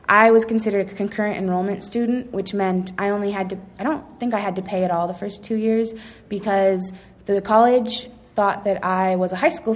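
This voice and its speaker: Young woman telling a story about school, lots of ums, goes off on tangents, normal mid voice. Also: mid-range voice. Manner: rambling, self-correcting, with frequent ums. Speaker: speaker recounting her schooling. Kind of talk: casual personal storytelling.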